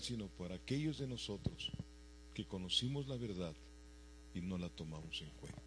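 A man preaching a sermon who keeps asking his congregation rhetorical questions, swinging between loud emphatic lines and quiet low ones. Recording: faint mains hum behind the voice.

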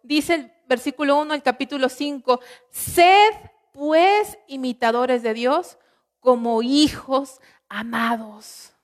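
High-voiced woman preaching a sermon. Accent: Mexican Spanish. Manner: earnest teaching, rhetorical questions, slows down on scripture.

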